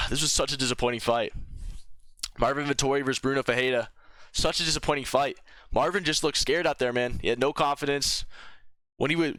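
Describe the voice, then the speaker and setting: A man's voice: medium pitch, bright, forceful tone, smooth, dry recording, studio quality. A young man giving a casual, opinionated fight reaction commentary, rambling with fillers and restarts. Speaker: MMA commentary vlogger.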